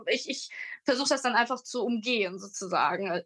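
A woman's voice: on the high side, fairly quick, a bit bright, husky. A woman in her twenties, a student, thoughtfully telling of her experiences in an interview. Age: 20s. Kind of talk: personal testimony in an interview.

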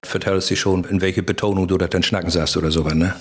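A man with a Mecklenburg Low German accent, a film extra telling anecdotes as a guest in casual radio chat, often ending with "ne?". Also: fairly even intonation, fast. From Wismar, Germany.

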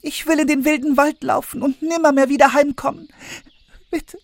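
An actor voicing a gentle young princess, high and pleading, in a children's fairy tale reading. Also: male voice, fairly even intonation, moderate pace, gravelly, dry recording.

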